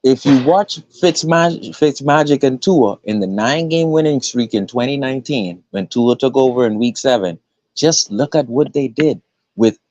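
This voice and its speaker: Male panelist, insistent repeater, animated delivery, lo-fi dry line. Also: mid-range voice, moderate pace, dry recording. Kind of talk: heated sports debate. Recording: muffled phone audio.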